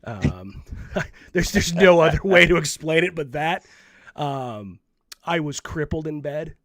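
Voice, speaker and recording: A man's voice: fairly high pitch, expressive, slow pace, fairly bright tone. A man co-hosting a casual sports podcast from home while still a little sick, talking frankly and rambling with many restarts. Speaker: co-host. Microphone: own microphone, muted between coughs.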